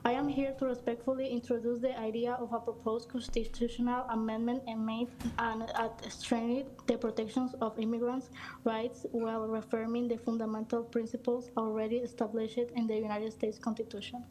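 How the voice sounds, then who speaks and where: Student reading a formal statement. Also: female voice, a little high, brisk, poor audio. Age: teens. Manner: formal, steady reading with small slips. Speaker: student public commenter.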